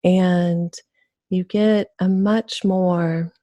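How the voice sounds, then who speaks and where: A woman's voice: lowish voice, fairly even intonation, extremely slow, dark tone, no room sound. A woman hosting a podcast interview in a casual, chatty way, laughing easily as she talks. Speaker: podcast host.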